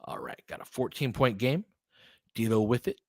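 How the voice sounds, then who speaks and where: A man hosts informal basketball play-by-play, chatting conversationally, thinking aloud and mixing casual commentary with chat replies. His voice is medium-pitched at a moderate pace, in a dry, clean studio recording.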